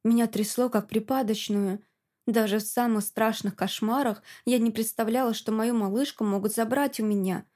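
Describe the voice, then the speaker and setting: A woman narrating a first-person audiobook with a steady, expressive reading. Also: a little high, normal speed.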